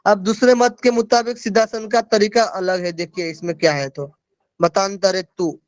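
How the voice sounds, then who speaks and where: High-voiced man teaching yoga online. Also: fairly even intonation, moderate pace, no room sound, dull audio. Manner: explains verses, checking in with listeners. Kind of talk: online class lecture.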